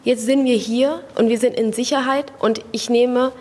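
A young woman from Afghanistan gives earnest, thoughtful answers in a slightly high voice, with fillers here and there. Her voice rings with a long echo in the room. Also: steady tone, moderate pace, a little mellow. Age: young adult. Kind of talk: casual interview answers.

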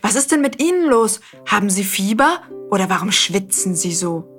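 Eine Frau spricht einen neugierigen, hilfsbereiten kleinen Jungen in einer Kindergeschichte. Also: female voice, mid-range voice, sing-song, faint music behind, natural voice. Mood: curious. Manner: quick, eager questions. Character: curious, kind little boy.

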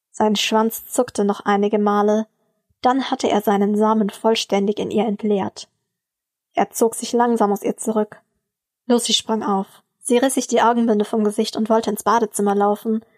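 Eine Erzählerin mit eher hoher Stimme liest eine erotische Geschichte gleichmäßig und gemessen vor. Die Aufnahme ist trocken und nah, ohne Raumhall. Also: female voice, fairly high pitch, a little mellow, no room sound. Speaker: storyteller. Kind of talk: scripted erotic story narration.

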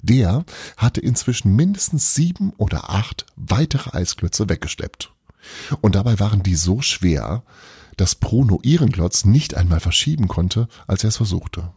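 A man narrating a children's storybook in an expressive, lively way, hosting an advent podcast. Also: on the low side, unhurried, breathy edge, dry recording, studio quality.

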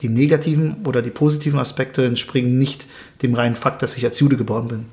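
A young man from Germany, speaking as an interview guest in a thoughtful, measured way with occasional hesitations. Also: mid-range voice, fairly even intonation, darkish tone. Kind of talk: earnest interview conversation.

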